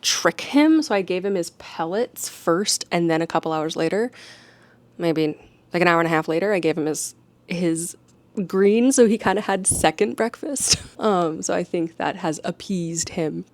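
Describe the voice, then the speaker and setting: Lowish-voiced woman chatting casually. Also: normal speed, dry recording. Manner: rambling, self-deprecating, laughs often. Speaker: audiobook narrator and vlogger. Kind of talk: casual vlog chat. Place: home living room.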